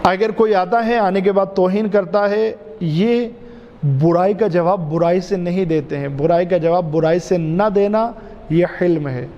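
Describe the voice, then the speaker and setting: A man, a cleric giving a majlis sermon, repeating key phrases in a drawn-out, emphatic way and calling his listeners dear ones. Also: sits high, muffled recording, a little hiss or hum. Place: mosque. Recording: reverberant mosque hall, faint ambience.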